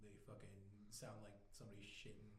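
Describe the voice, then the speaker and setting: A man's voice: fairly low pitch, completely flat delivery, quick pace, a bit bright. A young man co-hosting a casual chat, joking and crude in his banter. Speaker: podcast co-host. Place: small studio room. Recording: echoey room, faint hiss.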